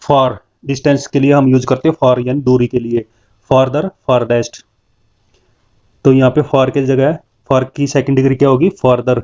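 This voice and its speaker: A man teaches a grammar lesson in a mellow, relaxed voice. He reads word lists slowly and then explains each rule, and the recording sounds dull and lo-fi. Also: mid-range voice.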